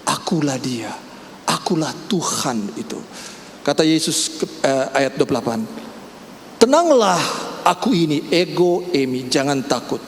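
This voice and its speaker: A man preaching a sermon as pastor, breaking into loud, high-pitched exclamations. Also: moderate pace. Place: large church hall. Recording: echoey church hall, faint room noise.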